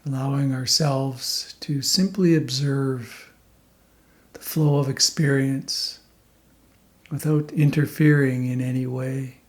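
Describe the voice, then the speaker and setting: Speaking in a mid-range voice, a male teacher leads a guided meditation. He stays calm and unhurried, leaving long pauses between his phrases.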